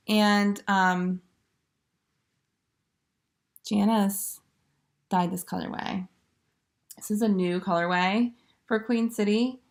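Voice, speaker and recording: A woman's voice: mid-range voice, vocal fry. A woman in her thirties hosting a knitting video, chatting casually and rambling with fillers and giggles. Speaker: knitting podcast host. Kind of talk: casual show-and-tell chat.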